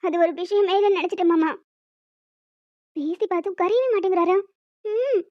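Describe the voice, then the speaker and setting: Woman playing a young village wife, very high voice, emotional and pleading, dry dull recording. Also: normal speed, no room sound. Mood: defensive. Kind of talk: Tamil audio romance drama.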